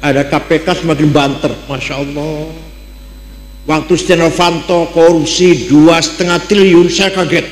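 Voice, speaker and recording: An older man with a Javanese accent giving a religious lecture, asking his listeners questions and switching between loud exclamations and dry jokes. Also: on the high side, steady tone, normal speed. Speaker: Islamic cleric giving a talk. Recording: echoey hall with long reverb.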